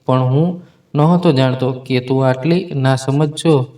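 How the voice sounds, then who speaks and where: A man's voice: medium pitch, unhurried, mellow, lightly acted. A man voicing an earnest young husband in a spoken story, talking in a pleading way. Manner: pleading, then hurt. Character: earnest young husband trying to make peace.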